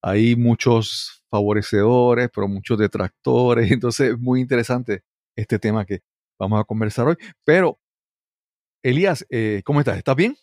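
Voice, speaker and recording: A man's voice: medium pitch, moderate pace, darkish tone, dry recording, studio quality. A man hosting a podcast, asking long, rambling questions with restarts. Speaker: podcast host. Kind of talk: conversational interview.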